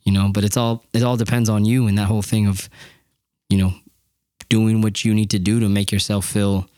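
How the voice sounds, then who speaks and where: A man with a lowish voice talks casually and bluntly on a podcast, swearing freely and circling back on his thoughts. The sound is dry and close, with no room around it. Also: level tone, a little fast, darkish tone, smooth, no echo. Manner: candid, profane, meandering. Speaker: podcast co-host. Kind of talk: casual chat.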